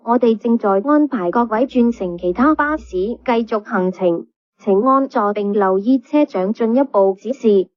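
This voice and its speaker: Played through a bus PA system, this formal announcement comes from a woman with a slightly high voice at a moderate pace, recorded dry. Her manner is calm and even as she reads from a script. The playback sounds muffled and lo-fi.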